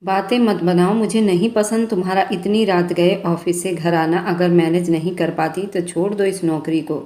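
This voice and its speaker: A woman's voice: on the low side, steady tone, normal speed, mellow, close to an everyday voice. A woman voicing a strict, protective older sister who scolds her younger sibling. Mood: scolding. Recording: echoey room.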